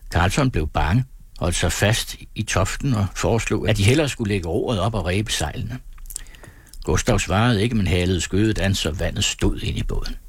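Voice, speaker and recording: Male audiobook narrator, low husky voice, measured reading, dry close mic. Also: animated, dry recording. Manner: measured, storytelling. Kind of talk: scripted narration.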